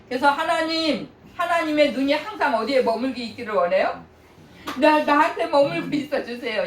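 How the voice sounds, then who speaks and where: An older woman pastor delivers a chatty sermon in a church sanctuary, often asking the congregation questions and laughing. Her voice is a little high with slight hiss or hum, captured from a distance in an echoey church.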